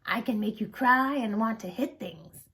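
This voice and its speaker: A woman's voice: on the high side, measured pace, a bit bright. A woman voicing a hairy red creature who is the boy's anger, speaking in a reassuring, coaxing way.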